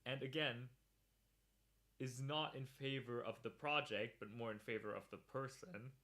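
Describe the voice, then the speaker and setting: A man's voice: mid-range voice, fairly even intonation, moderate pace, sharp tone. A man hosting a livestream podcast, chatting casually, laughing often and reacting to viewers in chat.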